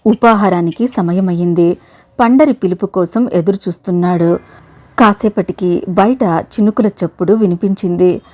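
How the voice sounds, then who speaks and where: A woman storyteller narrating a short story, with even, measured audiobook delivery. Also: fairly low pitch.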